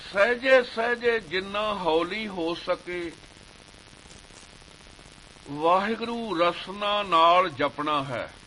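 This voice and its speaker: A man giving a slow devotional sermon, reciting scripture verses in a measured chanting cadence. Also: high voice, pushed and bright, slight background noise, poor audio. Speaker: Sikh preacher.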